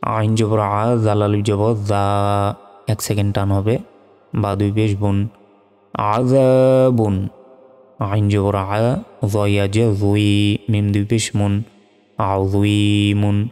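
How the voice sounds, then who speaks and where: A man with a low, mellow, resonant voice teaches Quran reading slowly, patiently and methodically, spelling out each Arabic letter and vowel mark before chanting the verse. His clear delivery is monotone. A long hall reverb trails his words over faint music.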